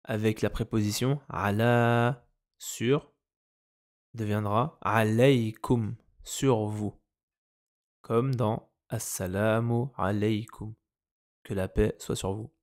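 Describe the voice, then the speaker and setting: A man teaching a lesson, speaking slowly and deliberately and repeating each example word. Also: on the low side, fairly even intonation, a little mellow. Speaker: Arabic language teacher. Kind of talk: explaining Arabic grammar in French.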